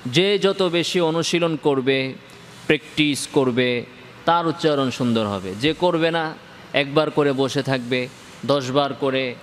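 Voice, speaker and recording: A man's voice: a little high, fairly bright tone, a little hiss or hum. A man teaching a tajweed pronunciation lesson in Bengali, repeating points and stressing key words. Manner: explains with repetition and rising emphasis. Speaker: Quran recitation teacher.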